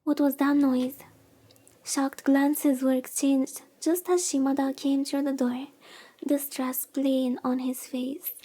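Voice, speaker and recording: Over background music, a woman streaming as a VTuber gives a soothing read of a visual novel with casual remarks along the way. Her voice sits high but sounds dark, flat and slow.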